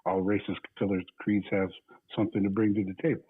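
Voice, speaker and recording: A husky, lowish male voice with little pitch movement talks fairly quickly in casual guest chat. He is a laid-back Midwesterner from the US mainland who uses fillers and chuckles, recorded over a dry, tinny phone line.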